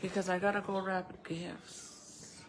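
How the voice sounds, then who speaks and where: A woman's voice: fairly low pitch, level tone, slow pace, noisy background. A woman chatting casually and informally to viewers as a vlogger, thinking aloud in a rambling way, her speech slightly impeded by a retainer in her mouth. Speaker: vlogger showing crafts and baking.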